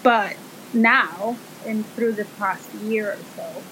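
Female designer guest, from El Salvador, 30s, thoughtful and halting, mid pitch. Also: a bit bright, slight background noise, rough recording. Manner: thoughtful, hesitant, many fillers. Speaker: fashion and textile designer, guest. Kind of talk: casual interview talk.

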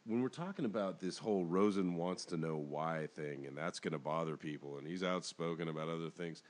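Casting: deep-voiced male podcast host, casual rambling sports talk. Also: brisk. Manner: animated, rambling.

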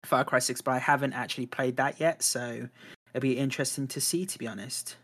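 A man's voice: medium pitch, steady tone, a little fast, a bit bright. A man hosting a casual podcast chat, rambling with lots of fillers and a habit of saying "to be honest". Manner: chatty, many fillers, "to be honest". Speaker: podcast host.

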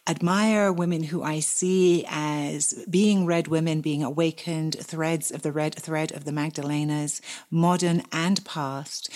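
A woman hosting a podcast, talking in an effusive, slow and emphatic way. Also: deep voice, a little mellow. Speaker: podcast host. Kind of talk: casual spiritual podcast chat.

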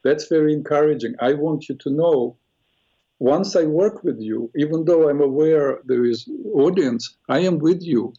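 A man with a dark, relaxed voice coaches a caller through guided visualization. He is instructive and restates his phrases as he goes. The audio is dull and lo-fi, like an internet call. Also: on the high side, normal speed, husky. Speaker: host guiding a caller through an imagery exercise.

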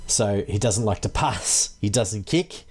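A man's voice: on the low side, lively intonation, a little slow. A man co-hosting a casual fantasy sports podcast, giving his analysis in a conversational, tentative way. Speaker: podcast co-host.

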